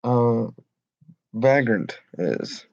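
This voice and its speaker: A man reading and explaining Bible verses in an informal, halting way with many fillers and restarts. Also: medium pitch, animated, darkish tone, no room sound. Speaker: Bible study teacher. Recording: dull lo-fi home recording.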